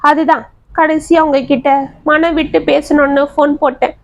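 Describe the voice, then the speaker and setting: A woman's voice: sits high, fairly even intonation, moderate pace. Tearful young village woman, voiced by a woman narrator. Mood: despairing. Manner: tearful, earnest colloquial speech. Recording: dry, slightly dull audio.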